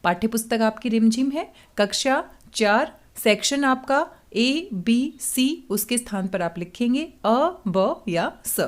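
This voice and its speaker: A woman teaching a worksheet lesson to young children, explaining slowly, repeating key points in a friendly way. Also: on the high side, animated. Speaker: Hindi teacher.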